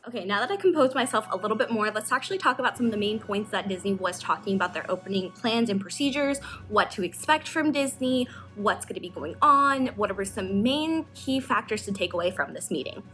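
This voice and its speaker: A young woman vlogging casually, chatty and excitable, emotional and close to tears. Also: mid-range voice, brisk, hardly any pauses, faint music behind. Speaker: vlogger, theme park employee. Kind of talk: casual emotional vlog chat.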